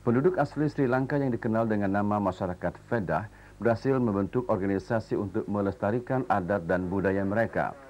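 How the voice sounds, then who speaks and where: An Indonesian man anchors a television newscast in a notably low voice. He reads from a script formally, with measured enunciation. The old broadcast recording carries faint noise behind him. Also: darkish tone. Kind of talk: formal scripted news reading.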